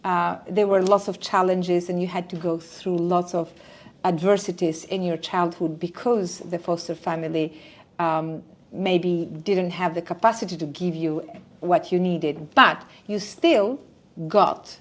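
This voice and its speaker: A woman's voice: lowish voice, steady tone, measured pace. A woman hosting an interview podcast, encouraging her guest and summing up her story before asking questions. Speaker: podcast host. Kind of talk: interview host.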